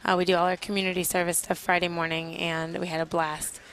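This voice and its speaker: A woman's voice: on the low side, flat delivery, quick pace, a bit bright, poor audio. A woman from a military flight team giving live air show commentary as an interview guest, explaining things informally.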